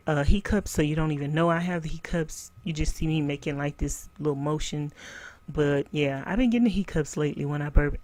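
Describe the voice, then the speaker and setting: A woman's voice: low-pitched, a little mellow, dry recording. A woman vlogger chatting casually to her viewers in a loose, friendly way, calling them you guys. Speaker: burping channel vlogger.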